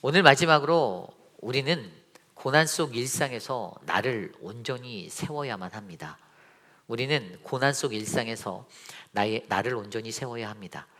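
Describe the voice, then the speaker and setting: A man's voice: medium pitch, pushed and bright. A man preaching a Sunday sermon as pastor, earnest and building to emphatic peaks. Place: church sanctuary. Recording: long reverb of a church sanctuary.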